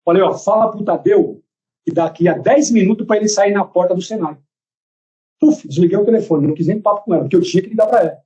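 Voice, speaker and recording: A man with a Brazilian Portuguese accent giving courtroom testimony as a defendant, telling his story in an animated way and acting out the dialogue. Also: sits high, fast, lo-fi sound.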